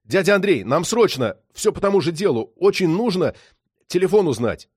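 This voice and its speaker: A man's voice: fairly high pitch, expressive, a little slow, husky, no room sound, clean studio sound, pitched above the performer's own voice. A man doing an eager, urgent young detective.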